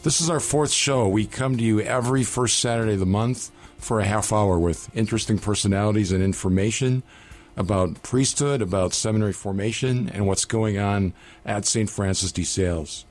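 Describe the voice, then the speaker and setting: Priest hosting a radio show, lowish voice, measured and earnest. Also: male voice, darkish tone. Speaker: radio show host, seminary rector.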